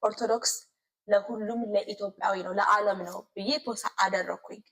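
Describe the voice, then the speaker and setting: A young woman co-hosting a casual chat and telling a story in an animated, emphatic way. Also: medium pitch, racing, vocal fry, poor audio. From United States. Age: young adult. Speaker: co-host.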